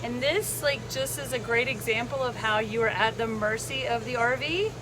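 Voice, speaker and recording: A travel vlogger with a fairly high voice tells a casual story at normal speed, animated and chatty with a sarcastic, mock-enthusiastic lilt. Noisy vehicle ambience is clearly audible behind her.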